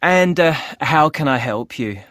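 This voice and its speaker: A polite club desk clerk. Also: male voice, a little high, lively intonation, a little slow, a bit bright, no echo, clean studio sound. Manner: polite, asks form questions while typing. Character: friendly male clerk at a social club desk. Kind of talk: scripted exam listening recording.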